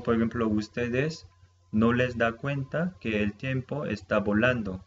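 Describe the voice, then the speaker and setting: A man teaching a slow, patient language lesson, with Japanese as his first language. His voice sits on the low side, and he repeats each word and checks in with the listener. The recording is a little dull and carries a faint hiss of room noise.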